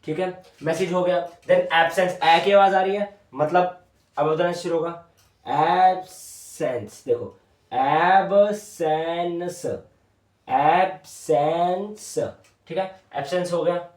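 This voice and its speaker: A man teaching shorthand at a whiteboard, stretching each word out slowly as he writes it, with said in a way inside his talk. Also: high-pitched, flat delivery. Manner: repeats each word slowly while writing. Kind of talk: whiteboard lesson. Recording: echoey room, mic at a distance.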